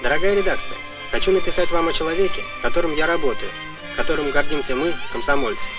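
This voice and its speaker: A man's voice: fairly high pitch, quick pace, close to an everyday voice. A man voicing a proud young worker reading out a letter in an old newsreel. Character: proud young Komsomol man praising a workmate. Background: music.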